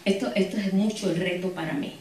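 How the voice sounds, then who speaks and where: A woman's voice: mid-range voice, fairly even intonation, fairly quick, a little mellow. A woman preaching a sermon and telling stories to her congregation with frequent asides. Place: church hall. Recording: echoey hall, distant mic.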